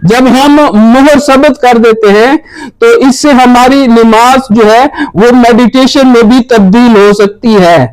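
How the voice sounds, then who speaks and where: High-voiced man giving an earnest religious talk. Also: a little mellow, clean tone, rough recording. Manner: earnest, urging listeners. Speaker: spiritual teacher.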